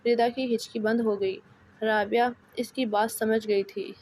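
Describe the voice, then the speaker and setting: A woman narrating a romance novel in an even, measured reading. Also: on the high side, slight background noise.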